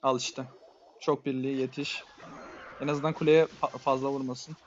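A man's voice: medium pitch, little pitch movement, moderate pace, dull audio, slight background noise. A man giving a live, muttered running play-by-play while he plays a game, often exasperated. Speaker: game streamer. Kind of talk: live gameplay commentary.

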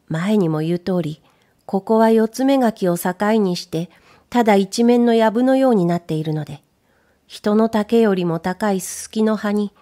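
A woman narrates a period tale in a calm, measured voice. Her tone is mellow and dark rather than bright, and her pitch sits in the middle range. She drops softer at the tense moments. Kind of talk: scripted narration of a period story.

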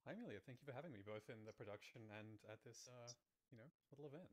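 A Foley artist in his thirties appears as a guest on a video call from a small indoor room, talking into a studio microphone on a boom arm while wearing headphones. His mid-range voice has lively intonation and races along very fast as he explains things loosely, filling his speech with "like" and "sort of."

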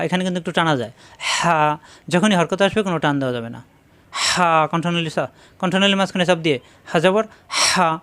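A man teaching letter pronunciation, briskly drilling syllables over and over. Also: high voice, fairly bright tone. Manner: brisk drilling, repeats syllables slowly then quickly. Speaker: Quran recitation teacher. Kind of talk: pronunciation lesson.

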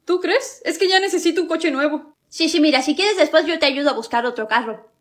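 A woman from Cuba who speaks with a Mexican Spanish accent, acting out comedy sketches and switching quickly between sassy family characters. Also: high-pitched, a bit bright. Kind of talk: comedy sketches playing several family members.

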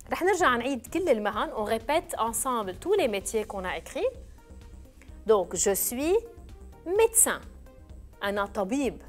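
A woman teaches French vocabulary in a TV lesson, her fairly high voice rising and falling a lot. She drills each word slowly and spells it letter by letter. Soft music plays in the background. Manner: slow, clearly spelled-out drilling of words. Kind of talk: televised classroom lesson.

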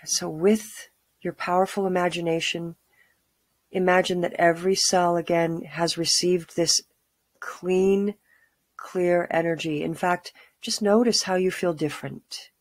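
A middle-aged woman leading a calm guided grounding exercise, giving soothing, unhurried instructions with pauses. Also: fairly low pitch, no echo. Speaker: meditation guide. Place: small room at home, indoors.

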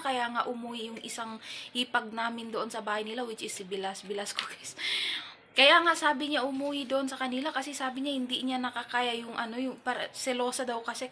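A woman's voice: a little high, sharp tone, slight background noise. A woman from the Philippines chatting casually to her viewers, rambling with many fillers and restarts. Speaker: vlogger. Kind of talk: casual gossip chat to viewers. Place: family home.

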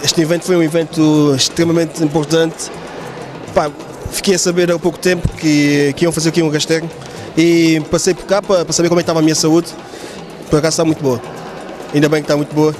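A man's voice: on the high side, flat delivery, fast talker, over music. A young man interviewed as a visitor, talking in a stumbling way. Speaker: event visitor. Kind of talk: interview answer.

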